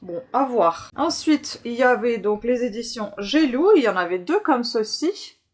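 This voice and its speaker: A woman's voice: a little high, animated, normal speed. A woman vlogger chatting casually through a book haul, hesitant and full of filler sounds.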